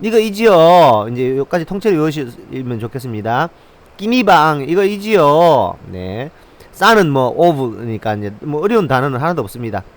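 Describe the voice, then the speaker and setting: Lively man teaching phrases. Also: a little high. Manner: slow drilled repetition of phrases. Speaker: language teacher. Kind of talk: language lesson, repeating phrases.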